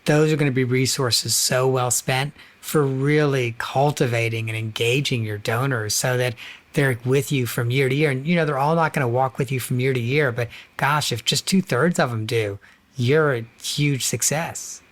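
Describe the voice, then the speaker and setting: A man hosting an interview podcast, upbeat and eager with praise. His voice sits at an average male pitch, steady and conversational. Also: moderate pace. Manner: upbeat, enthusiastic. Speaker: podcast host.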